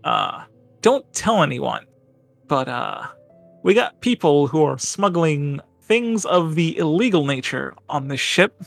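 A man voicing a cocky private-eye detective in a tabletop game, with a loose Brooklyn put-on accent, talking in a confiding, hush-hush way. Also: fairly high pitch, very animated, slow pace, creaky, faint music behind, exaggerated voice. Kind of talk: tabletop character voice.

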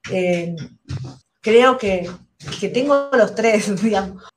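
A middle-aged woman with a Rioplatense Spanish accent, speaking as a mother and guest on a video call, candid and halting, often restarting her sentences. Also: mid-range voice, animated. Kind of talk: casual interview chat.

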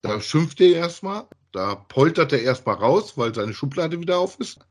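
A podcast host with a high-leaning, very animated voice rambles casually at normal speed while reviewing audio dramas. His speech is colloquial and frequently ends phrases with tag questions.

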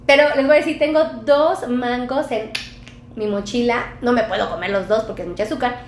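A woman's voice: a little high, fairly quick. A middle-aged woman doctor with a Mexican accent, hosting a casual live stream, chatty and playful as she reads viewer comments. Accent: Mexican Spanish. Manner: chatty, playful, laughs often. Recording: echoey room with faint background noise.

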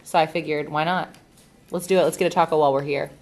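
A woman with a fairly low voice co-hosting a podcast in easy, casual chat. She jokes around and riffs playfully on whatever comes up. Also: fairly even intonation, quick pace. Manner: playful, joking banter. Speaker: podcast co-host.

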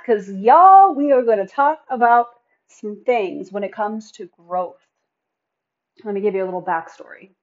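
Young woman, solo podcast host, chatty and upbeat, direct address, mid pitch, mildly muffled recording. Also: darkish tone. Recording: slightly dull lo-fi sound.

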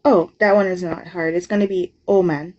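A woman's voice: on the low side, steady tone, quick pace, mellow. Tentative woman learner, lo-fi sound. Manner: tentative, asks questions, laughs easily. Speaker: language learner. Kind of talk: casual language lesson. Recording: dull lo-fi audio.

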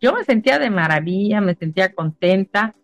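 A middle-aged spa owner from Mexico gives a casual testimonial interview, telling a personal story in an emotional, repetitive way. Her mid-range voice is expressive and brisk, and the dry recording sounds dull and lo-fi, with faint music behind her.

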